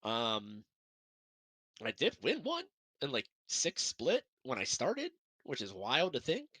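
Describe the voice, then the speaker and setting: A man's voice: mid-range voice, wildly swooping pitch, takes it slowly, bright, forceful tone, husky, no room sound. A young man co-hosting a sim racing broadcast, chatting casually and rambling in an upbeat, self-deprecating way. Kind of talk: casual podcast chat.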